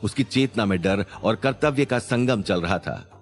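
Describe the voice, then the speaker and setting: A man's voice: lowish voice, animated, normal speed. A man narrating a suspense story in a scripted, dramatic storytelling manner.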